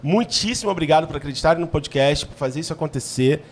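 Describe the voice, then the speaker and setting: High-voiced upbeat Carioca host. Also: male voice, fast. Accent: Carioca Portuguese. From Rio de Janeiro, Brazil. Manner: upbeat, enthusiastic. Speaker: podcast host. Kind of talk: hosting a podcast, reading sponsor ads. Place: indoor podcast studio. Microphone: studio mic on a boom arm.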